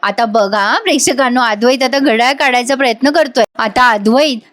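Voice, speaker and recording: A woman's voice: a little high, a little fast, no echo, clean studio sound. A woman recapping a TV serial episode in a chatty voice-over, talking directly to her viewers. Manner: lively storytelling that speaks to viewers. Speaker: TV serial reviewer.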